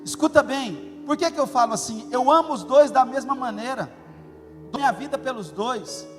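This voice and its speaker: At a moderate pace, a high-voiced pastor in middle age preaches animatedly, hitting words with abrupt loud emphasis. The sermon echoes with long reverb through a church auditorium while faint music plays.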